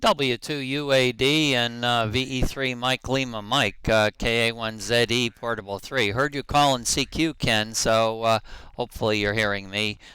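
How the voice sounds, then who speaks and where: A man's voice: mid-range voice, steady tone, normal speed, sharp tone, clean tone, no room sound, rough recording. A man making a ham radio call, reading out call signs in the phonetic alphabet as an amateur radio operator.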